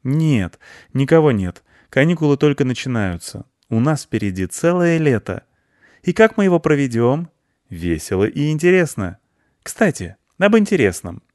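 A man voicing a bossy, energetic little girl in a storybook, speaking briskly and insistently. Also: mid-range voice, no echo, studio quality, pitched above the performer's own voice, natural voice. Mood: lively. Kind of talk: audiobook character voice.

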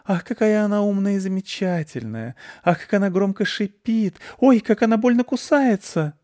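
A man's voice: sits high, animated, moderate pace, darkish tone, voice pushed up. A man voicing a mother gushing over a cat from inside the house. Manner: gushing, exclamatory. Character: gushing mother, calling from far indoors.

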